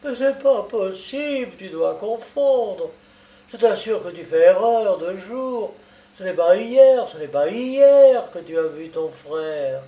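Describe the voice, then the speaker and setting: A man voicing an old cashier who pleads in loud, agitated bursts, in an audiobook. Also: high-pitched, lively intonation, slow pace, muffled recording. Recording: roomy, distant mic.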